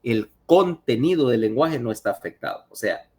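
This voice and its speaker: A man's voice: medium pitch, animated, normal speed, darkish tone. Chatty man giving an online lecture. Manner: chatty, asks listeners questions.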